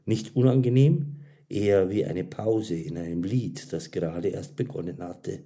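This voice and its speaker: A man reading a story aloud as narrator, expressive and unhurried. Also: low-pitched. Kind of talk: audiobook narration.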